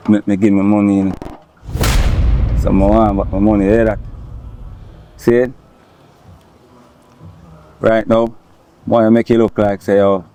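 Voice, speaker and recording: A man's voice: on the low side, dark tone, clear, resonant tone. A young Jamaican man acting in a comedy film, boastful and threatening as he talks about getting money.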